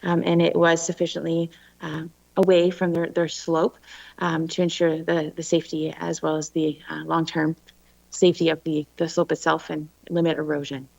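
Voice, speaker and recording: A woman with a slightly low voice, muffled by a face mask, gives a formal staff report to a committee. She speaks in a halting, hesitant way, and the recording is dull. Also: flat delivery, vocal fry, a little mellow. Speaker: planning staff presenter. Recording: dull muffled meeting audio.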